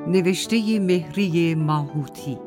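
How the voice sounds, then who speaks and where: A woman tells a children's story in a gentle, lilting storyteller voice, slightly low in pitch. She speaks straight to the little listeners. Music plays clearly underneath. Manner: sweet, sing-song, addresses children directly. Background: background music.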